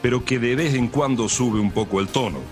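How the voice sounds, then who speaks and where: A man's voice: mid-range voice, fairly quick. A male impressionist talks casually and animatedly. He explains voices by breaking into demonstrations. Faint music sits in the background. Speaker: guest impressionist. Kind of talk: casual chat.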